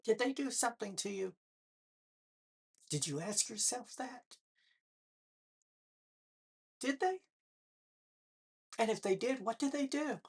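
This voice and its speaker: A woman's voice: a little high, expressive, moderate pace, gravelly, long pauses, husky. An older woman speaking straight to her viewers, firing pointed rhetorical questions with a sarcastic edge. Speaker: political vlogger. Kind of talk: direct-to-camera commentary.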